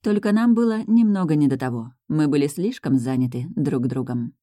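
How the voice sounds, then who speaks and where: Calm first-person audiobook reader, measured pace, warm mellow tone, close dry studio sound. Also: medium pitch, dry recording. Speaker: audiobook narrator.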